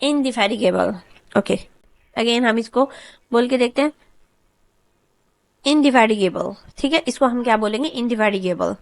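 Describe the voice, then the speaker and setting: A woman tutor patiently talking through a screen-recorded software lesson step by step. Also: on the high side, fairly even intonation, brisk, no echo. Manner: patient step-by-step explaining, often repeats "okay, done". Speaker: computer tutor.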